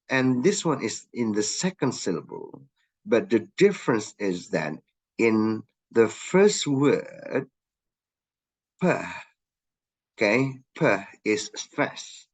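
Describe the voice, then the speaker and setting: A man with an Indonesian accent giving a recorded linguistics lesson, explaining examples on slides and saying "okay" again and again. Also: medium pitch. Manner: repeats "okay" often, lively rising emphasis on example sounds. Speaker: linguistics lecturer.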